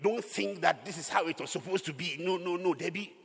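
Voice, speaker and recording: A man preaching a lively sermon in a church hall, his voice fairly high, gravelly and husky. His words ring out with a long echo, and he breaks into sudden loud outbursts. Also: a little fast. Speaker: pastor.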